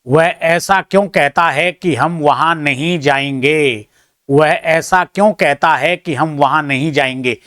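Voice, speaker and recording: Slow and a bit bright, this man's voice sits on the high side as he goes through an exam answer key as a teacher. He reads every question aloud, checks each option in turn, and makes chatty, self-deprecating remarks to his students; the studio-quality audio has no echo.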